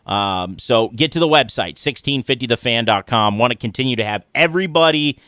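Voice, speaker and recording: A man hosting sports radio, talking casually and off the cuff, often halting and correcting himself. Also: mid-range voice, animated, pushed and bright, clean tone, dry recording, studio quality. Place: radio studio.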